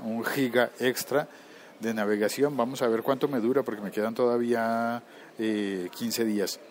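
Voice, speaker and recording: A man with a fairly low voice hosts a live podcast from a recording room. He talks in a loose, rambling way, wanders off topic and often restarts his sentences. A faint hum of room ambience sits behind him. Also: darkish tone. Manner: rambling, easily sidetracked, frequent self-corrections. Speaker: tech podcast host.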